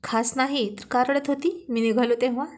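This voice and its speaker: A woman's voice: a little high, steady tone, moderate pace, natural voice. A woman doing a teasing young husband. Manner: teasing, mock-scolding.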